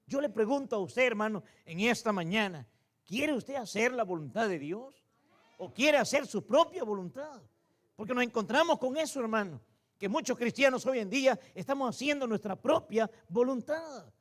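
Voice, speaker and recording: High-voiced man preaching a sermon. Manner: repeats "hermano" often, asks rhetorical questions. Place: church sanctuary.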